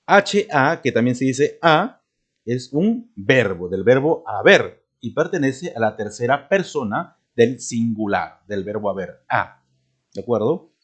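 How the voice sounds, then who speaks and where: A man's voice: medium pitch, lively intonation, measured pace, slightly rough. A man teaching a spelling lesson to students, checking often whether they follow. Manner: addresses students, checks with frequent "¿de acuerdo?" and "¿no?".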